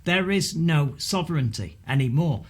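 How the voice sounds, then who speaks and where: A man's voice: fairly high pitch, expressive, moderate pace, slightly rough. A man with a Mancunian accent co-hosting a political podcast, blunt and argumentative as he rants about the news. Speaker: podcast co-host. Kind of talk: political opinion chat.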